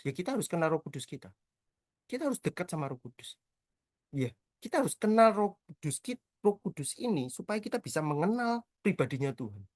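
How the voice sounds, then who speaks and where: A middle-aged man who trains people in church prayer teaches the Bible casually and talkatively, joking quickly and animatedly with self-mocking humor. His voice is fairly high, and the studio-quality recording is dry.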